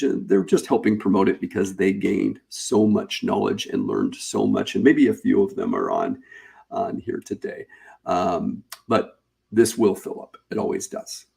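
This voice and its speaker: A man hosting a live webinar, pitching a paid challenge in a casual, chatty way, repeating and restarting phrases as he goes. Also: gravelly, a little mellow. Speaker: webinar host.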